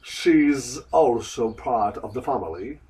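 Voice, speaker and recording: Slow, careful man repeating lesson lines. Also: medium pitch, expressive, far from the mic, a crowd in the background, rough recording. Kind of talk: slow repeat-after-me drills.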